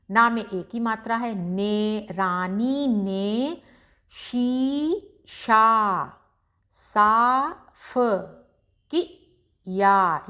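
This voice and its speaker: A woman teaching beginners to read Hindi, sounding each word out slowly before explaining it briskly. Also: mid-range voice. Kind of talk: slow syllable-by-syllable reading lesson.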